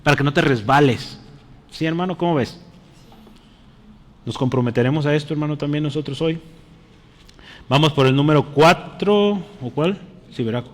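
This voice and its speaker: A man delivers an interactive sermon, often pausing to ask his listeners whether they follow and calling them brother. His voice sits a little high for a man. It rings with the long reverb of a church hall. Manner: keeps checking in with the congregation, calling them brother. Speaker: preacher.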